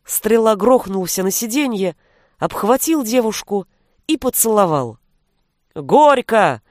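A woman narrating a fantasy audiobook in an even storytelling voice. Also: mid-range voice, a little slow, dry recording, studio quality.

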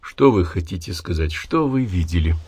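A man voicing a quiet, firm investigator. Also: low-pitched, expressive, normal speed, slightly rough, no echo. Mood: calm. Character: calm, firm male investigator.

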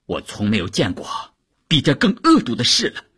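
A jealous male officer who sneers at a rival, his husky voice jumping up in agitation, as a man reads him in an audiobook. His pitch lurches widely from word to word. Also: huge pitch swings, normal speed, pushed and bright, full character voice. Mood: sneering.

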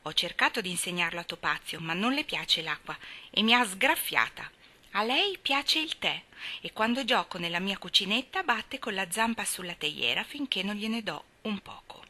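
A woman voicing a modest little girl who shyly reads her school essay aloud in a gentle voice. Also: medium pitch.

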